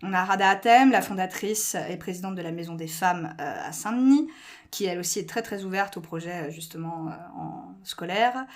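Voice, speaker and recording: A woman's voice: on the low side, a little fast. A middle-aged woman with a French accent, chatting candidly and informally as an interview guest, often digressing and poking fun at herself. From France. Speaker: interview guest, school educator. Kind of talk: animated informal interview talk.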